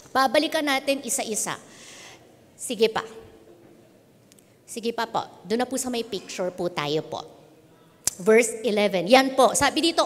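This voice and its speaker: A woman with a Filipino accent preaching an interactive sermon to young people, teasing and quizzing her listeners. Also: sits high. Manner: playful, teasing, quizzes the audience. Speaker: youth pastor. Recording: long hall reverb.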